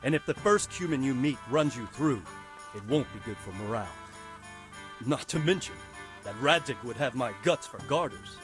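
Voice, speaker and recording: An actor plays a wounded, stern lord commanding a siege, briefing his men on the battle plan with firm authority. His medium-pitched male voice is expressive and lightly acted at a normal speed, with soft music underneath.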